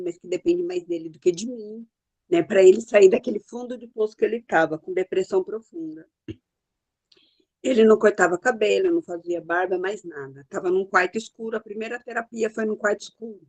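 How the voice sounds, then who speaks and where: A middle-aged woman therapist with a Brazilian Portuguese accent, telling stories from her practice in an earnest, confiding way. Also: mid-range voice. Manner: earnest, confiding, peppered with "né" and "assim". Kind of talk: casual storytelling.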